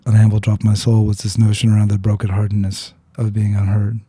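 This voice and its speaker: In a lowish, mellow, slightly rough voice, a man talks a little quickly and in a monotone, with no echo in the recording. He's hosting a podcast and candidly telling his guest a personal story, earnest throughout, searching for words, often restarting, and swearing bluntly.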